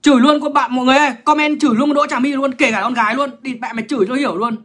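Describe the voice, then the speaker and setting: A man's voice: very high-pitched, fairly even intonation, racing, fairly bright tone. A man, ranting bluntly and crudely to viewers on a livestream. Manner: crude, profane, blunt, lecturing.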